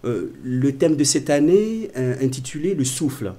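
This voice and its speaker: A man's voice: medium pitch, very animated, unhurried, dark tone. Hesitant male radio host. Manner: frequent hesitations, formal address.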